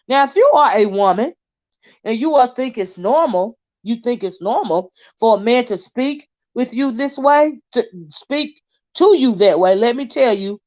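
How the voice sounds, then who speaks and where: Her voice sits a little high with a darkish tone as she runs her own commentary stream, talking in a blunt, emphatic monologue. She keeps repeating herself and filling gaps with fillers, and the stream's lo-fi sound is dull.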